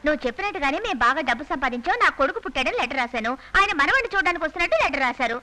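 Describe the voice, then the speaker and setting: A worried young wife in a film drama. She speaks high and fast with an anxious, pleading tone. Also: lively intonation, bright, forceful tone, slight background noise. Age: young adult. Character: worried young wife estranged from her father. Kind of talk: dubbed film acting.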